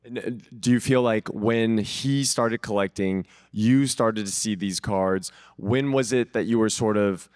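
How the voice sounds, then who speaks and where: A man's voice: on the low side, a little slow, hardly any pauses, a little mellow, smooth, no echo, clean studio sound. A man co-hosting a podcast, asking loose, easygoing questions in casual chat. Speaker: podcast co-host.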